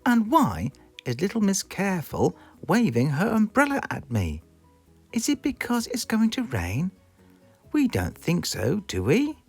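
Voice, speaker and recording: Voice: medium pitch, wildly swooping pitch, a little slow, slightly rough, voice pushed up, full character voice. A British narrator voicing an endlessly curious, wide-eyed little female storybook character full of questions. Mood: puzzled. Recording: music playing behind the voice.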